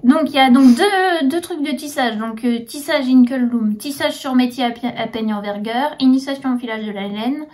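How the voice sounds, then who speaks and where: A woman's voice: sits high, moderate pace, hardly any pauses, darkish tone, far from the mic. A woman co-hosting a podcast in casual chat, hesitant, with many fillers, often trailing off. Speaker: podcast co-host.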